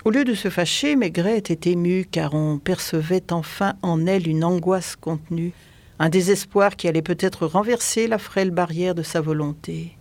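A calm reader narrating a detective novel in an even, steady voice. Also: medium pitch, normal speed. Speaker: audiobook reader. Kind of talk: literary narration. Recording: dry close recording.

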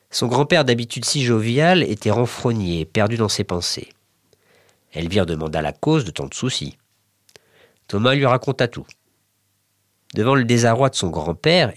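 A man narrating a written short story in an expressive, measured way. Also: mid-range voice, dry recording, studio quality. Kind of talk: scripted story reading.

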